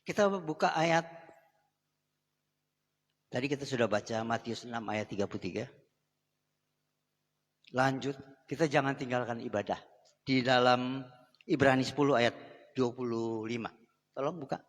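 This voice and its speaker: Here a male pastor with a mid-range voice preaches at a moderate pace, pausing often, in a chatty and direct sermon. He regularly turns to the congregation, addressing them as saudara. It's recorded on a live microphone in a church sanctuary with long reverb.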